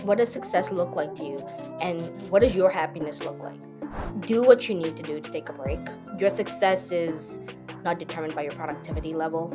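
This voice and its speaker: Low-voiced woman from South Africa. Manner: reflective, advising tone. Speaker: podcast guest. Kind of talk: conversational interview answers.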